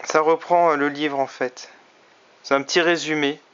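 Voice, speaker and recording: Chatty man with a higher voice. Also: flat delivery, normal speed, fairly bright tone, clear, resonant tone. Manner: chatty, frequent hesitations. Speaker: toy reviewer. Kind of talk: casual product review. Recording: slightly dull lo-fi recording.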